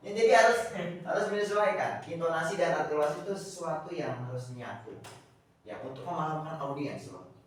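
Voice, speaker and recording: Rambling teacher in an echoey classroom. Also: male voice, fairly high pitch, lively intonation, fairly quick, far from the mic, slight background noise. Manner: rambling, with many fillers and repeated words. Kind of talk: classroom lecture.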